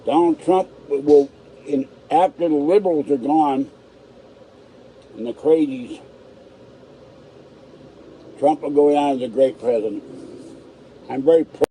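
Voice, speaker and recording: Lisping, toothless man with a dark voice. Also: fairly high pitch, a little slow, pauses often, slight background noise, poor audio. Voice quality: toothless speech, tongue hitting roof of mouth; natural lisp. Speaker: livestream host. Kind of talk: casual live stream chat, reading aloud and commenting.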